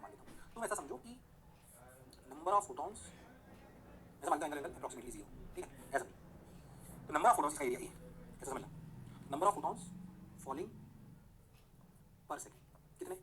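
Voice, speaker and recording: A man teaching physics in a classroom lecture, constantly checking whether his students follow and slowing down to dictate definitions in English. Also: a little high, big pitch swings, bright, forceful tone, slight background noise. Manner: rhyming rapid-fire praise words.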